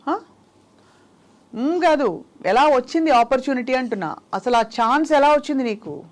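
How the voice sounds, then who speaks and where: A woman's voice: sits high, expressive, normal speed. A young woman hosting an interview, coaxing and teasing a small child with short questions in a Telugu accent. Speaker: interview host.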